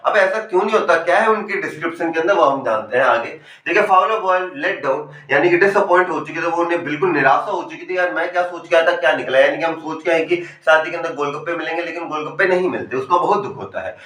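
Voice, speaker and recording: A young man from Rajasthan teaching a class 10 English story, reading each line slowly and then explaining it in chatty Hindi. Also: fairly high pitch, pushed and bright, reverberant. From Rajasthan, India. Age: young adult.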